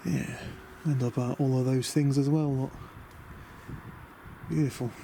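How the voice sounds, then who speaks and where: Standing outdoors by a van next to a house, a British DIY vlogger walks viewers through his camper van conversion. His mid-range voice is gravelly and mellow, with a steady tone and measured pace, and he rambles casually, muttering asides in an understated way. Wind noise runs through the noisy outdoor camera recording.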